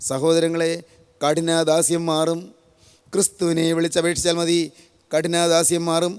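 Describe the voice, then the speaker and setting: A man's voice: on the high side, completely flat delivery, moderate pace, clear, resonant tone. An older man from Kerala preaching a sermon, solemn and repetitive, stacking one parallel phrase after another. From Kerala, India. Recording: long hall reverb.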